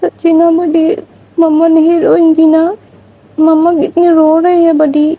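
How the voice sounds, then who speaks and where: A woman's voice: very high voice, monotone, lo-fi sound, pitched above the performer's own voice. A woman voicing a small girl who is crying and pleading with her aunt over the phone. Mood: tearful. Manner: tearful, whiny pleading.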